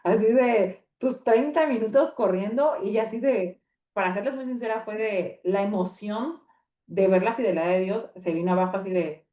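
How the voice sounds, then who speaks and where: A woman sharing a personal faith testimony, storytelling animatedly, acting out dialogue and filling pauses often. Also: mid-range voice, mellow, recorded from a distance. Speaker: women's ministry speaker. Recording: roomy echo.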